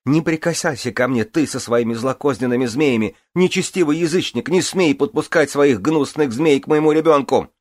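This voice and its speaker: Hysterical screeching queen, voiced by a man, high and loud, dry sound. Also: wildly swooping pitch, slow pace, vocal fry, hardly any pauses, no room sound, full character voice. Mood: frantic. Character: hysterical young queen, shrieking and accusing.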